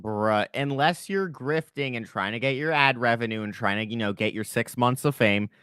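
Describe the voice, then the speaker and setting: Male co-host from the South, mid-pitch, blunt and profane, dry mic. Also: moderate pace, fairly bright tone, clean tone, no room sound. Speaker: stream co-host. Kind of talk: casual chat.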